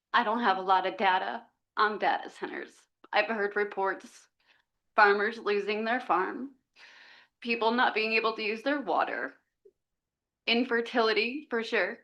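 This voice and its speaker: A woman's voice: mid-range voice, a bit bright. A woman, a registered nurse, giving an earnest and urgent public comment at a county meeting. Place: county commission meeting room.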